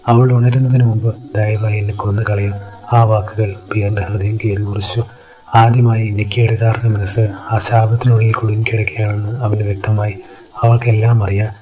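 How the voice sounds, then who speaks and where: A man narrating a film recap in a steady, even storytelling manner. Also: lowish voice.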